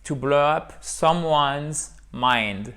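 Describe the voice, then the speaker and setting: A man giving a video English lesson in French, explaining verbs and slowly modelling English example sentences. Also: on the high side, sharp tone, clear, resonant tone. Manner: addresses viewers as dear friends. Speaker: English teacher.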